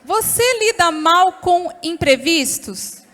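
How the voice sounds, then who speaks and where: High-voiced Brazilian woman preaching in a reverberant hall. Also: slow pace. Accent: Brazilian Portuguese. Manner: lively, expressive storytelling, addresses the audience directly. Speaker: speaker at a church women's event. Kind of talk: storytelling church talk. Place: church hall. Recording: long reverb of a church hall.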